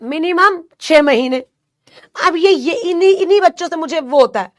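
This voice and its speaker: A woman's voice: very high-pitched, expressive, normal speed. A young woman teaching an online class with a sore throat, drilling her students with call-and-response and teasing scolds.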